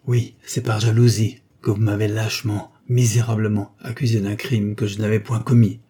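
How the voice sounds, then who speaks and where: A man's voice: mid-range voice, normal speed, dark tone, husky, voice pushed up. A man reading the part of a proud, scornful young former governess, with a cold, ironic, cutting delivery. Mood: furious. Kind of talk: audiobook dialogue reading.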